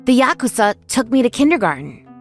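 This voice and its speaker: A woman with a high, very animated and fairly quick voice plays a frightened, lonely orphaned five-year-old boy in an anime-style dub. He narrates his own story earnestly and emotively in a wistful, lonely mood, over background music.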